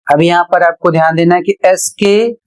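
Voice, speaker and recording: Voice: medium pitch, steady tone, normal speed, clean tone, poor audio. A teacher with a Hindi accent, giving a pronunciation lesson, spelling out words letter by letter and then reading them aloud. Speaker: English teacher.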